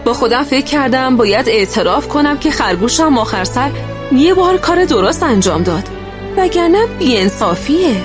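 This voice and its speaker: A woman narrating a first-person children's story in a gentle, steady way. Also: high-pitched, over music.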